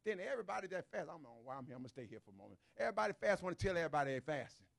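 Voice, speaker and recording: A man preaching a sermon with call-and-response, shouting in bursts and speaking. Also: a little high, sing-song, rapid-fire, creaky. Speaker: pastor.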